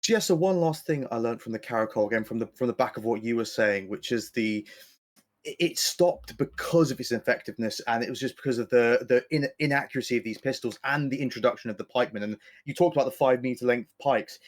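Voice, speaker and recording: In relaxed history podcast chatter, this male co-host rambles, corrects himself, and keeps things playful. He speaks at a medium pitch and a quick pace.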